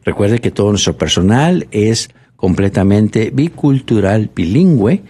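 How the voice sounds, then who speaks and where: A man's voice: on the low side, expressive, a little slow, warm tone, breathy edge. A man talking on the radio for a bank, persuasive and repetitive, with frequent fillers. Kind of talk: radio promotional talk.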